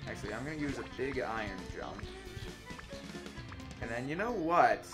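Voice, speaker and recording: A man's voice: medium pitch, animated, normal speed. A young man giving casual, informal, rambling gameplay commentary as the host of a let's play. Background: game music.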